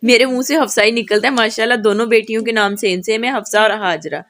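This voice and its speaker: A woman's voice: on the high side, quick pace, a bit bright. Chatty mother vlogging at home. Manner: chatty, speaking straight to viewers. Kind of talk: casual home vlog.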